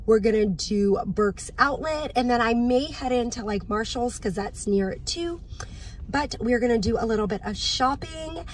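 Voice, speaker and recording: A woman's voice: fairly high pitch, normal speed, a little hiss or hum. Chatty upbeat woman vlogging from a car. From Southern California. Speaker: home decor vlogger and mom. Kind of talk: casual shop-with-me vlog. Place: inside a parked car. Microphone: phone held at arm's length.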